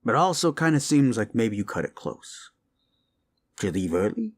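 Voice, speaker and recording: In an interrogation roleplay, a man voices a rumpled police detective, his mid-range voice very animated and rising and falling freely as he rambles, muses and halts. On the surface he's polite and folksy with a feigned casualness, but underneath he shrewdly needles with leading questions, delivering an audio-drama monologue aimed at the listener.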